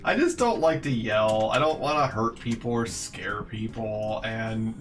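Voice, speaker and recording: A man's voice: fairly low pitch, a little slow, a bit bright, soft background music. A man streamer in casual chat, joking and slipping into mock-stern scolding.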